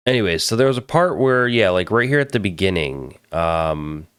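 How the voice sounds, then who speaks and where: A man's voice: deep voice, expressive, normal speed, fairly bright tone, clean tone, dry recording. A man hosting a podcast, chatting casually and bluntly about a movie trailer, swearing now and then. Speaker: podcast host reacting to a trailer. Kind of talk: casual trailer reaction commentary.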